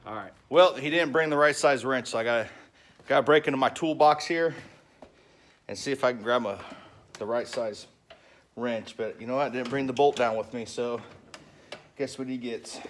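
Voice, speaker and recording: A man's voice: medium pitch, moderate pace, long pauses, a little hiss or hum. Folksy joking man vlogging outdoors. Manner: folksy, joking, talks straight to viewers. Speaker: homestead vlogger. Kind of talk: casual vlog talk to camera.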